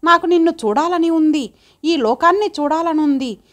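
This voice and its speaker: A woman voicing an unborn baby girl who calls out softly and sweetly. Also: extremely high pitch, moderate pace, pitched above the performer's own voice. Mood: longing. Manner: soft, sweet.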